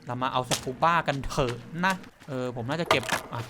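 A young man giving casual let's-play commentary on a game, chatty and laughing often, with excited outbursts during fights. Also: medium pitch, brisk, very noisy. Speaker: gaming YouTuber.

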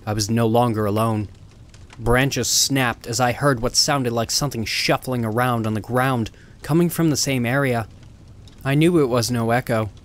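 A man reading a first-person horror story in a steady, measured way. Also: mid-range voice.

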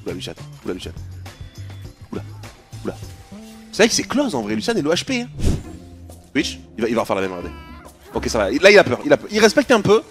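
Young guy streamer calling a game replay, talks super fast and slangy, voice jumps all over, faint music behind. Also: medium pitch, huge pitch swings. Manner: fast, slangy, swings between mutters and shouts. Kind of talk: excited game commentary.

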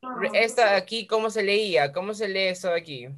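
A woman teaching English words to young children, repeating each word slowly and praising them often. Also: mid-range voice, a crowd in the background. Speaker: primary school English teacher.

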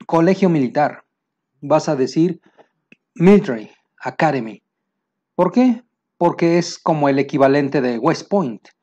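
A man with a Mexican Spanish accent teaching military vocabulary, pausing to say each English term slowly and plainly. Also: a little high, expressive, dark tone, lo-fi sound. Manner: explains terms, slows down for English words. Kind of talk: vocabulary lesson.

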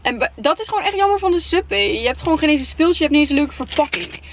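A young woman with a Netherlands Dutch accent and a high voice chats casually for a vlog. She is excitable and exclamatory, mixing in English slang. The recording is made in a car with faint background noise. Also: fast. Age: 20s. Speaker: vlogger. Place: inside a parked car at night.

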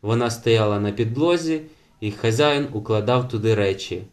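A man narrating a novel as an audiobook in a measured, steady reading manner. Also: fairly low pitch. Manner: measured, slows for chapter titles.

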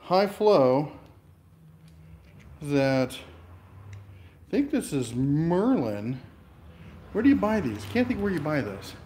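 Brief: joking male tool reviewer, slightly high voice, chatty garage demo delivery. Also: sing-song, slow pace, long pauses, dark tone, breathy edge. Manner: wisecracking, talks while working. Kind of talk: casual product review. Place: home workshop garage.

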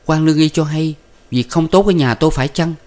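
Man voicing a young wife, gentle and grieving, a little raised, audiobook reading. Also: fairly high pitch, brisk, voice pushed up, close to an everyday voice. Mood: anguished. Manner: tender, then anguished pleading.

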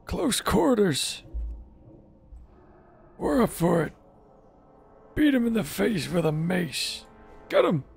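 A man voicing a crude, combative old madman adventurer in a gravelly, raspy voice, muttering and rambling in a game role-play. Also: high voice, very animated, slow pace, long pauses, darkish tone, soft background music, heavily acted.

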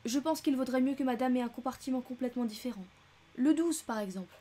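A calm, thoughtful male detective who weighs each word with measured deliberation, read by a woman. Her voice stays fairly high and mellow. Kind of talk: audiobook character reading.

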